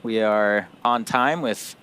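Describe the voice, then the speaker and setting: A man's voice: on the low side, slow, fairly bright tone, clear, resonant tone. A man hosting a launch webcast with polished live commentary. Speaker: webcast host.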